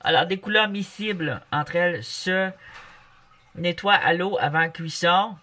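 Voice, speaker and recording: A woman's voice: fairly low pitch, measured pace, pushed and bright. A woman with a Québécois French accent, casually chatting and joking as she reads a paint label aloud for a craft video at home. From Canada. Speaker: craft vlogger. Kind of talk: casual product review. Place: home, with a noisy pet bird.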